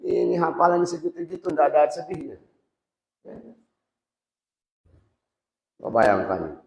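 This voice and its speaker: In the echoey prayer hall of a boarding school, a man gives students an informal religious lesson, talking conversationally and quizzing them directly. His voice is a little high and mellow, very animated, at a measured pace, on a dull, lo-fi recording.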